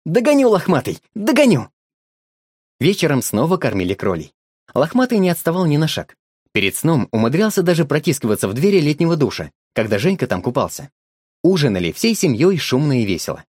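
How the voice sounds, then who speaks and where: A man narrates a children's audiobook with expressive, lively storytelling. His voice sits a little high and his melody moves a lot. The recording is dry and close with no room sound. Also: quick pace, husky, no room sound.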